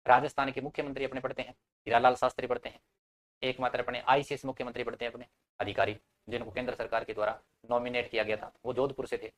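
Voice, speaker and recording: A man's voice: medium pitch, flat delivery, quick pace. Man drilling students in a live class. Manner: repetitive drilling, quizzing students. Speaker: teacher. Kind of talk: live online exam-prep class.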